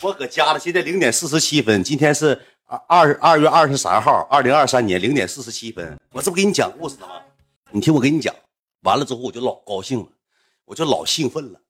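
A young man streaming from home spins a rambling story in a slangy Northeastern Chinese accent. His voice is slightly husky, and he talks quickly. His pitch bounces lively through the telling. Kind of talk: casual storytelling livestream.

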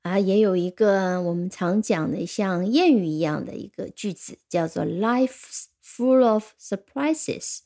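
A woman teaching an English vocabulary lesson, explaining patiently and spelling words out slowly. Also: lowish voice, warm tone.

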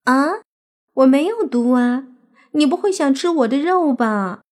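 A woman's voice: high-pitched, lively intonation, a little slow, a little mellow, voice pushed up. A woman voicing a playful, cute young female fox spirit in a coy, sweet, bubbly way. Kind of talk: audiobook character voice.

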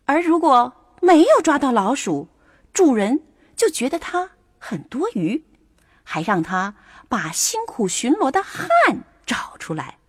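A woman gently introducing a children's story. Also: high voice, very animated, unhurried, husky, dry recording, studio quality. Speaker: story host.

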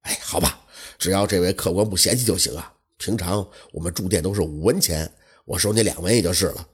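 A nervous old innkeeper, low and hushed, apologizing and sighing as he speaks, as a male storyteller plays him. The voice sits deep and breathy, almost muttered. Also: fairly quick. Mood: apologetic.

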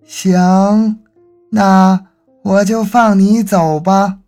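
A man's voice: high-pitched, little pitch movement, drawn-out words, darkish tone, soft background music, pitched above the performer's own voice, full character voice. A man voicing a mischievous teenage boy who poses as a little ghost, teasing and then pleading. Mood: coaxing.

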